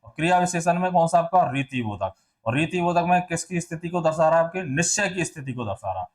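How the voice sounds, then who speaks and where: A male teacher with an expressive voice on the high side moves at a quick pace through a test's answers. He asks questions and answers them himself, repeating sounds and words to demonstrate their pronunciation.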